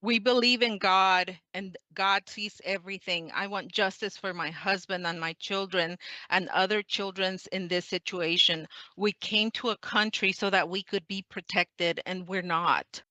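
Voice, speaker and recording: An interpreter at a council meeting giving a translation voice-over, speaking a mother's words in the first person in a measured, unhurried way. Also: mid-range voice, fairly even intonation, sharp tone, no room sound, poor audio.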